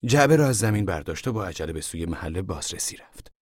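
A man narrating an audiobook in a measured, even reading. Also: deep voice, dry recording, clean studio sound.

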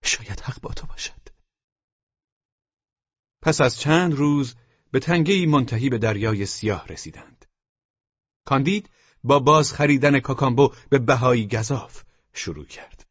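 A man narrating an audiobook in a measured, even storytelling manner. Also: mid-range voice, slightly rough, no room sound. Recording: dull lo-fi dry recording.

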